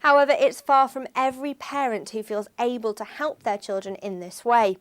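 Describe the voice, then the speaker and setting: A woman reading a scripted news-style voice-over for a finance firm in an even, measured way. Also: on the high side, smooth. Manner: even, measured read of figures.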